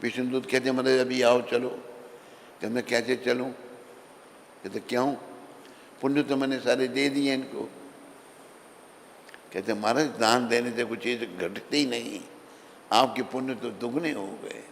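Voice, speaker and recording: A man's voice: mid-range voice, fairly even intonation, measured pace, vocal fry, pauses often. A man giving a devotional sermon, telling a story and acting out its dialogue in a raised voice. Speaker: swami giving a devotional lecture. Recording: long hall reverb with faint background noise.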